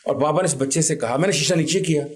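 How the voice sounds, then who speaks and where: Man with a lilt telling a story. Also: on the high side. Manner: vivid anecdotal retelling, acts out quoted voices. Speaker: interview guest. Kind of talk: conversational storytelling.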